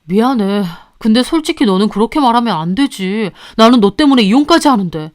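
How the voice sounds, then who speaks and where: A defensive, whiny husband turns bullying and angry, as a female reader acts him out. The voice stays clean and smooth, with a dry close sound. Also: a little high, lively intonation, fairly quick, no echo, close to an everyday voice. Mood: pleading. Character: cheating husband, pleading then bullying, man in thirties. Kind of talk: dramatized story reading.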